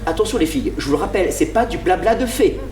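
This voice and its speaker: A woman's voice: lowish voice, expressive, fast, lightly acted. A woman playing a playful, theatrical fairy godmother who exhorts girls in a children's stage musical. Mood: playful, bossy. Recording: echoey, distant, loud music behind.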